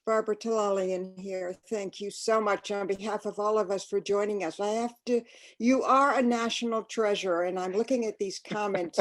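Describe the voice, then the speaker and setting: A woman organizer closes an online event with gushing thanks. Her voice sits at a middle pitch. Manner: effusive, gushing praise. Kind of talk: closing thanks to an online audience.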